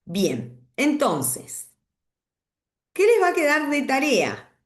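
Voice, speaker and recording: Slow, lively woman teaching. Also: high-pitched, echoey room. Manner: explanatory, checks in with frequent rhetorical "¿sí?". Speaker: English teacher. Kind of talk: recorded class lecture.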